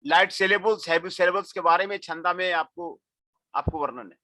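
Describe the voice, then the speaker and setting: Middle-aged male lecturer, high and bright, unhurried, repetitive delivery, dry close sound. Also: dry recording. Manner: mixes Hindi and English, repeats phrases, frequent filler "aapko". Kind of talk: classroom lecture.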